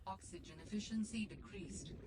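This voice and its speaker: Casting: woman as a calm female ship computer in a game, clipped even announcements. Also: mid-range voice, moderate pace, close to an everyday voice, low-quality recording. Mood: calm warning. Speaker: in-game warning system. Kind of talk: video game voice acting.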